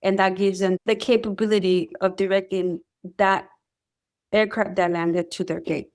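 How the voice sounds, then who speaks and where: Recounting her story in a mid-range voice at an ordinary speed, a radar technician guest takes part in a conversational interview. She is from Mexico, a native Spanish speaker, and her storytelling is animated, complete with acted-out quoted voices.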